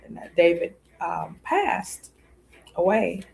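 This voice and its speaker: A woman hosts a podcast and tells a personal story in a loose, meandering way. Her voice sits a little low, and she keeps acting out both sides of old conversations with plenty of fillers. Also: sing-song, slow pace, gravelly. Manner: rambling with fillers and quoted dialogue. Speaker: podcast host.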